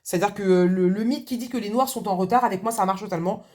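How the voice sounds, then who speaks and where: A woman's voice: medium pitch, quick pace, a little mellow. A woman chatting casually to her viewers about her budget binder, telling a long story with many asides, fillers and restarts, from home at her desk. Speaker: budgeting vlogger. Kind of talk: casual chat to camera.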